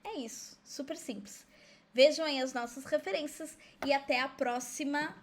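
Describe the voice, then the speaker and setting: Woman teacher, high voice, friendly, walks through grammar step by step. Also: moderate pace, slight background noise. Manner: friendly, explaining step by step, with frequent checks like "certo?"; asks herself pupils' questions in a lighter voice. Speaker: Portuguese teacher. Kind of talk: recorded school lesson.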